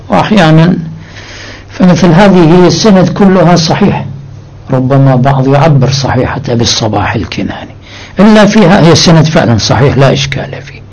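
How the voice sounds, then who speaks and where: A man's voice: fairly high pitch, gravelly, darkish tone, husky, poor audio. A man teaching a seminary lecture on jurisprudence, who explains point by point and reads his sources aloud. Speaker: religious scholar teaching jurisprudence.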